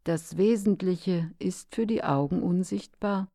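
A wise, gentle fox, as a woman reads him aloud from a storybook. He talks calmly and softly in a low, mellow voice at an unhurried pace. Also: no echo, clean studio sound.

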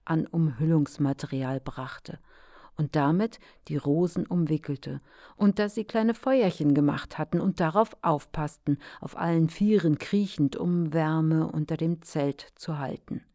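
Slow, mellow woman reading a story. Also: low-pitched, no echo, clean studio sound. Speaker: narrator.

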